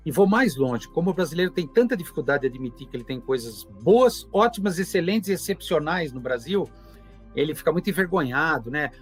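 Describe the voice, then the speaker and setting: A Brazilian psychoanalyst with a high voice talks about his work and tells anecdotes. He acts out the dialogue he quotes. His voice comes through a video call with faint music in the background. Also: husky. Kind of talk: conversational interview storytelling.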